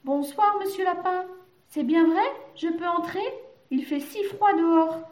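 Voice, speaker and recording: A woman's voice: very high-pitched, measured pace, a little mellow, voice pushed up. A woman voicing a small, polite female mouse from a storybook. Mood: hopeful. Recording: roomy echoey recording.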